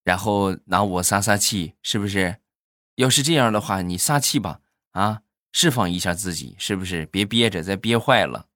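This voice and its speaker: A man voicing his young daughter, who speaks softly and coaxingly in a joke. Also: sits low, moderate pace. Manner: soft-spoken, coaxing. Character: young girl comforting her dad.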